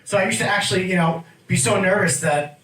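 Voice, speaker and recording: A man's voice: high-pitched, quick pace, a bit bright, a little hiss or hum. An American man doing stand-up in a small club, with a loose, rambling delivery full of fillers. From United States. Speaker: stand-up comedian. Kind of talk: stand-up comedy set. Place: small comedy club stage. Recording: roomy club audio from far off.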